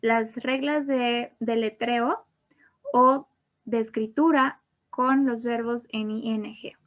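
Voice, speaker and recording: In dull lo-fi audio from an online class computer mic, a woman with a highish, fairly even voice teaches grammar at a slow pace. She gives each English rule and then explains it once more in Spanish.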